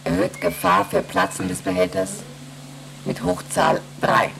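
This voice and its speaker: An emotionless space station computer in a radio play, extremely low and creaky. It recites regulations in a formal, literal monotone, with faint noise behind it. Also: female voice, unhurried, exaggerated voice. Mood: impassive. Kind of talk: German radio play acting.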